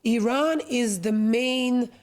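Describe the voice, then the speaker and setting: Measured woman from Serbia, higher voice. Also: a little mellow. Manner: measured, deliberate, hesitant with fillers. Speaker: panel guest, NGO vice president. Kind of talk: panel discussion.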